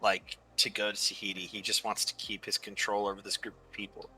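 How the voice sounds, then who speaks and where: A man's voice: on the low side, little pitch movement, a little fast, pushed and bright, slightly rough, low-quality recording. A man co-hosting a podcast, chatting casually and agreeing eagerly. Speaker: podcast co-host. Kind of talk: casual chat.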